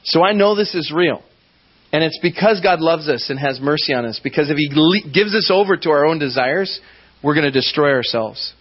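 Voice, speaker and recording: Man preaching a sermon, somewhat high voice. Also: animated, normal speed, breathy edge, lo-fi sound. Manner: conversational, asks the congregation questions.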